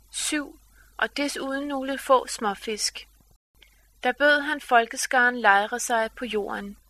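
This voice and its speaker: A woman giving a measured, solemn scripted reading of scripture. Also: sits high, sharp tone. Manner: measured, solemn read-aloud delivery.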